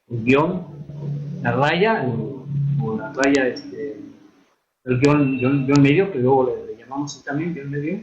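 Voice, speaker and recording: A man giving an online lesson on writing and spelling, with a Mexican Spanish accent, unhurried and hesitant with many fillers and restarts. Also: medium pitch, darkish tone. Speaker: instructor. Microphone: computer mic for a virtual classroom. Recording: echoey, dull online-classroom audio.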